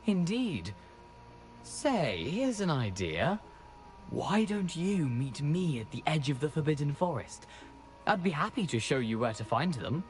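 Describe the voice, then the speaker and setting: Brief: wry, genteel ghost gentleman for a game, lively sing-song delivery, faint music under it. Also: a little high, a little slow. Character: ghost of a beheaded, mischievous gentleman. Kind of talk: video game voice acting.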